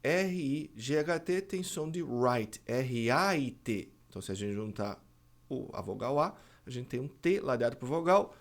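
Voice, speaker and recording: A man with a Brazilian Portuguese accent teaches pronunciation in a video lesson, and his pitch rises and falls a lot as he talks. He says each example word twice, slowly and carefully, then goes on with his explanation. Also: lively intonation. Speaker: English teacher.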